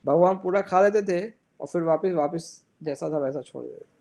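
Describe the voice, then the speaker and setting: A man's voice: a little high, moderate pace, vocal fry, dark tone, rough recording. A man telling a religious story in a sermon, slipping in English phrases and acting out the characters' lines. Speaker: speaker giving a religious discourse.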